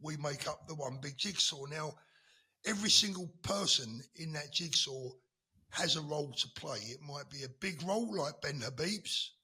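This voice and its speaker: A man speaks as a guest on a remote interview, his voice strikingly bright and forceful. There is a husky edge to it, and he drives each point home by repeating it. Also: a little high, moderate pace. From United Kingdom. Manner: emphatic, repetitive, making his points firmly. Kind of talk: casual interview chat.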